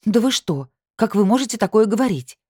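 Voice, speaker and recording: A woman's voice: mid-range voice, fairly quick, mellow, no echo, clean studio sound, voice pushed up, lightly acted. A woman reading an audiobook, voicing a touchy middle-aged woman who grumbles when suspected. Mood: offended. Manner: offended, grumbling.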